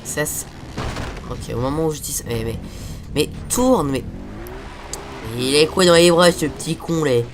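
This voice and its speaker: Faint music runs under an animated teenage boy who's hosting a casual let's-play despite a stuffy cold. His voice is on the high side, his pace moderate with frequent pauses, and he rambles while swearing at the game.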